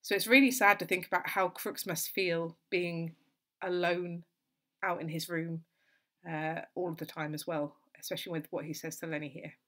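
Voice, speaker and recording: Low-voiced woman tutor explaining calmly. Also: normal speed. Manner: thoughtful, steady explaining with frequent "so" and "kind of". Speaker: English literature tutor. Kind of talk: explanatory exam-revision lesson.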